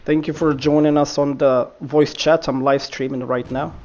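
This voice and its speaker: A man's voice: on the high side, flat delivery, moderate pace, darkish tone, muffled recording. A man live-streaming and chatting on voice chat, hesitant and stumbling over words.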